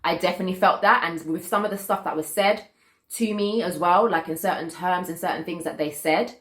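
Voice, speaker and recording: Casting: young British woman, low voice, casual storytime vlogger, emphatic and indignant, recorded in a roomy echo. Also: a little fast, fairly bright tone. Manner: emphatic, indignant, repeats points for stress. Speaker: vlogger telling a personal story.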